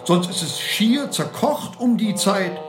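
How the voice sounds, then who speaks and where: A man's voice: high-pitched, expressive, takes it slowly, voice pushed up. Shrieking indignant housewives, put on by a male storyteller. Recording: roomy, with guitar music.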